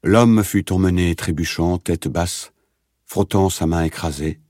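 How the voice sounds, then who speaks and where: A man narrating an audiobook in a steady, measured reading. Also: low-pitched, no echo, clean studio sound.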